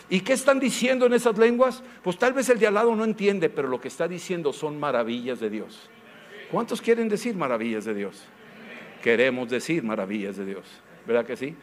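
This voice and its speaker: Animated pastor preaching to a congregation. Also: male voice, sits high. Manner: animated preaching with many rhetorical questions. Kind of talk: sermon. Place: church service.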